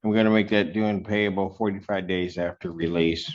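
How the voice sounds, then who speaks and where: A man serving as judge, reading out sentencing and court orders in a measured, formal way, heard in a courtroom recording. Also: deep voice, steady tone, a little hiss or hum. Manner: measured, formal, with occasional fillers. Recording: dull, lo-fi courtroom audio.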